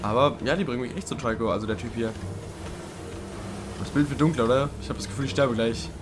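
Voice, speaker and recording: A man doing casual let's play commentary, chatting with the game creature, pleading loudly at times and muttering low at others. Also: fast talker, background noise. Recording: game music playing underneath. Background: game music.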